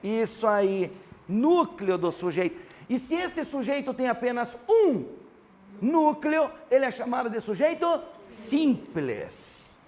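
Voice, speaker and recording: A man with a Brazilian Portuguese accent teaching a grammar class, animated and constantly prompting his students to answer. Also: extremely high pitch, unhurried.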